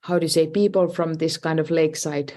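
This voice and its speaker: A middle-aged Finnish woman, a design professor and dean, appears as a guest in a casual interview and talks through her life. She speaks with a Finnish accent in a deep, mellow voice, steady in tone and brisk in pace, though hesitant, with many restarts and "you know, like" fillers.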